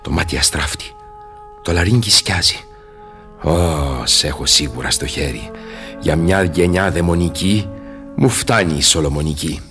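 A man's voice: extremely low pitch, sharp tone, faint music behind, full character voice. A man playing Faust, a learned, solemn old scholar, declaiming and musing aloud in verse in a Greek radio drama. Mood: alarmed.

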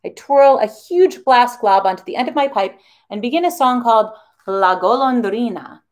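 A woman who teaches a children's music class, reading a storybook aloud in an expressive, animated way. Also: fairly high pitch, normal speed.

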